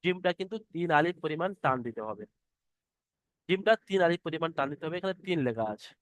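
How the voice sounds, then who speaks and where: A man teaching the Arabic alphabet in an online class, patiently sounding out each letter slowly and explaining how to pronounce it. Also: on the high side, animated, no room sound. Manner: slow, patient, drawn-out letter demonstrations. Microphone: computer mic on a video call.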